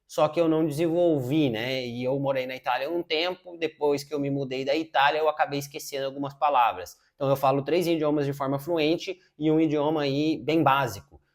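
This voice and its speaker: This man in his thirties, a native Portuguese speaker, sits on the high side with fairly even intonation as he offers casual advice on his self-improvement YouTube channel. He's informal, saying "cara" often and pausing with many filler "é" sounds, all picked up by a wireless lapel mic.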